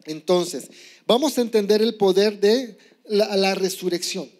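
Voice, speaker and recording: A man's voice: sits high, measured pace, a little mellow. Man preaching, checking in with "¿sí?". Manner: teaching, asks "¿sí?" after points; explains with examples, some hesitation. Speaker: pastor. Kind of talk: sermon.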